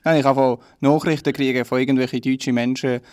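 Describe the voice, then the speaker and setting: A man's voice: medium pitch, little pitch movement, very fast, a little mellow, no echo. A young man with a Swiss German accent, telling dry, self-deprecating stories in casual chat. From Switzerland.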